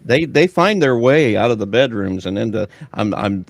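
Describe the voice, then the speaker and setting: A man's voice: mid-range voice, expressive, moderate pace. An American man co-hosting a podcast, talking casually in a rambling, folksy way with frequent restarts. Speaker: podcast co-host. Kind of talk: casual chat.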